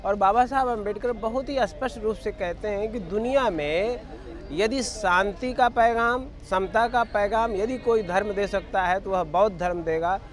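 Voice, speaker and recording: High-voiced man speaking formally outdoors. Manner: measured, with fillers and pauses. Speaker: interviewee, association general secretary. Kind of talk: formal speech to a reporter.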